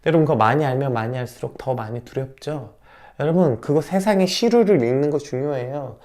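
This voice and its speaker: A male pastor preaching a sermon in rhetorical questions, swinging from loud emphasis to hushed near-whispers. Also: mid-range voice, expressive, fairly quick.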